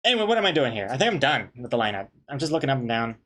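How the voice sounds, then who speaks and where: A man with a medium-pitched voice talks casually to a livestream, rambling in a playful, easily amused way. He has a speech trait where his R sounds come out like W. The delivery is unscripted and conversational. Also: big pitch swings, rapid-fire, fairly bright tone. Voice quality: cannot pronounce R properly, says w for r. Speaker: comic artist and streamer. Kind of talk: casual livestream chat while drawing.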